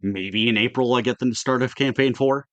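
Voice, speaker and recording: A man's voice: medium pitch, normal speed, fairly bright tone, lo-fi sound. A man co-hosting a podcast in casual chat, talking in an offhand, matter-of-fact way. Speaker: podcast co-host.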